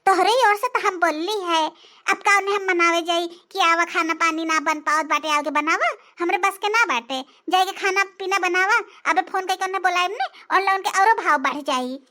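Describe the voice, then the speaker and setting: A woman's voice: very high voice, a little fast, sharp tone. A performer voicing a stubborn older mother-in-law with an Awadhi accent, scolding and dismissive in a cartoon. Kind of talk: cartoon voice acting.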